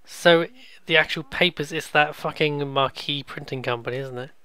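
A man's voice: a little high, moderate pace, bright, forceful tone, clear, resonant tone, no room sound. A man giving casual let's play commentary, musing aloud and joking as he goes. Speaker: gaming video host.

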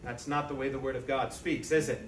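A man preaching a sermon as pastor, talking conversationally to the congregation with rhetorical asides and quick check-ins. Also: medium pitch, fairly even intonation. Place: church sanctuary. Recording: echoey church sanctuary from a distance.

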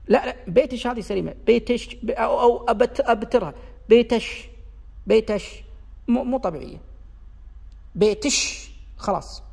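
A man with a Gulf Arabic accent giving an explanatory lesson on dialects, repeating sounds slowly to demonstrate them and sketching a diagram as he explains. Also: high-pitched, vocal fry, a little mellow, husky, long reverb tail. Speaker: dialect linguistics teacher.

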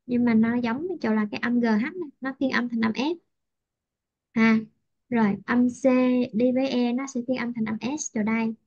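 A woman teacher, patiently coaching English pronunciation over a video call, repeating words slowly. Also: a little high, steady tone, a little mellow, no room sound. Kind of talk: online pronunciation tutoring. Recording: dry, lo-fi call audio.

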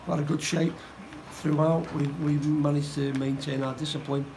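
A middle-aged football manager giving a post-match interview, plain-spoken and halting, often repeating his words. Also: a little high, little pitch movement, vocal fry, darkish tone, a little hiss or hum, low-quality recording. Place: indoor room by a stadium door.

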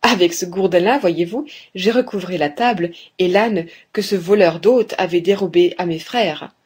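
A woman voicing a confident young male turner in a fairy tale, speaking slowly and self-assuredly. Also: on the low side, darkish tone, husky. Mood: explaining.

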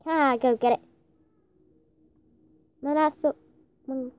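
A woman's voice: high voice, fairly even intonation, slow, clear, resonant tone. A woman hosting casual gameplay commentary, hesitant and rambling as she wonders what to say next. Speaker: gameplay channel host. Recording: dull lo-fi dry sound.

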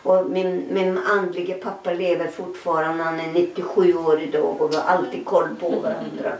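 Middle-aged woman, interview testimony, lively storyteller, roomy, distant mic. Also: lowish voice. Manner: animated storytelling, acting out quoted dialogue with laughter.

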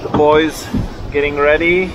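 A man's voice: fairly high pitch, measured pace, noisy background. A man in his thirties with a French accent, talking casually to the camera while sailing at sea. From France. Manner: calm to camera, shouting instructions on deck. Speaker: sailing vlogger. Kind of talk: casual vlog narration and crew calls. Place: open deck of a racing sailboat at sea.

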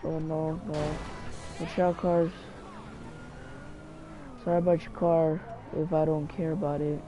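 Slow-talking gamer chatting over gameplay. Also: mid-range voice, level tone, warm tone, soft background music. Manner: chatty, talks back to game characters. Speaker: gamer narrating own play. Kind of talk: casual gameplay commentary.

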